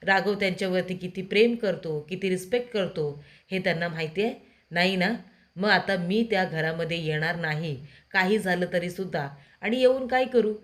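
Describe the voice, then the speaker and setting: A woman's voice: lowish voice, normal speed, lightly acted. A woman narrator voicing a hurt, defiant young man who complains that he is never understood. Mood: aggrieved. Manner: pleading, aggrieved.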